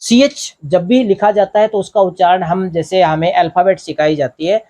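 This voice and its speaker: A man's voice: sits high, moderate pace, mellow. A man with an Indian accent teaching English grammar at a board, asking questions and answering them himself, step by step. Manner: explains step by step, asks and answers his own questions. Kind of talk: blackboard grammar lesson.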